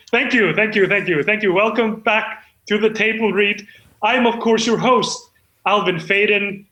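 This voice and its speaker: A man with a high, bright, forceful voice plays a deluded, eager amateur screenwriter hosting his own reading in a comedic monologue and mock talk show. He's effusive, polite and self-important, stumbling whenever he goes off script, and the recording has a roomy echo.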